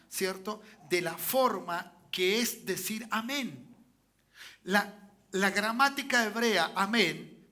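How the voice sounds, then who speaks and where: A Chilean pastor preaches a sermon in a church, his voice high for a man and very bright and forceful. He's repetitive, drives points home by restating them, peppers lines with "¿cierto?" and "¿ya?", and keeps checking in with his congregation, asking for amens as he goes.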